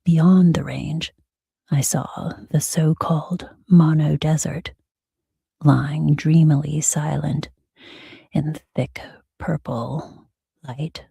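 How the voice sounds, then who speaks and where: A woman reading as a sleep story narrator in a hushed, soothing, breathy ASMR whisper with soft pauses. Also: low voice, no echo, studio quality.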